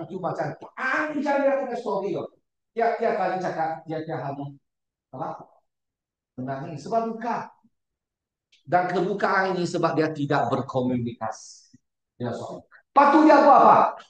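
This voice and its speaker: A man preaching a sermon to a congregation, repeating words and shouting for emphasis, often putting questions to his listeners. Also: on the high side, sing-song, moderate pace. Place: church hall. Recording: very echoey church hall, far from the mic.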